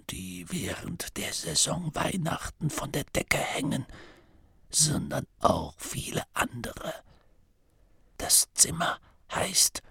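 A man voicing a frail, dying old gnome abbot who can barely speak above a breathy whisper. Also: fairly low pitch, sharp tone, no echo, full character voice. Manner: faint breathy whisper, weary and dry-witted.

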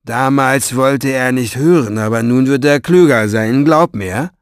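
With a smooth, velvety mid-range voice, a man reads a storybook as a vain, scheming villain who gloats. He draws out his lines in a mocking, theatrical, lightly acted way, recorded cleanly in a studio with no room sound.

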